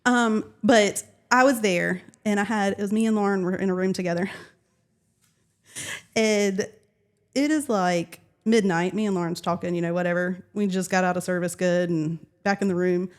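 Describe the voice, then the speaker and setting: A young woman chatting as a podcast co-host. She tells her stories in a lively way and laughs often. She has a mid-range voice. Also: mid-range voice, moderate pace. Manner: laughing, animated storyteller. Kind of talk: casual chat.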